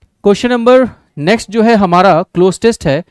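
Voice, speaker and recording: A man teaching an exam-prep English grammar lesson with an Indian accent, often checking in with his class and reading English sentences out slowly. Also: high-pitched, clear, resonant tone, no echo. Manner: checks in with the class, calls students "babu" and "bhai".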